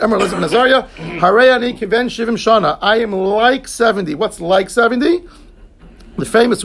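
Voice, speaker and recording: Gravelly high-voiced man teaching Talmud. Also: a bit bright. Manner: explains terms in English, quick asides to students. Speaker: rabbi teaching Talmud class. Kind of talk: Talmud class lecture.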